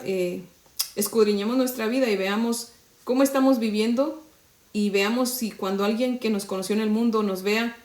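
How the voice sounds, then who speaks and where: A woman's voice: mid-range voice, roomy sound. A woman from Mexico, teaching the Bible to women in a conversational devotional style and often checking in with her listeners. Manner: conversational, often asks "¿verdad?".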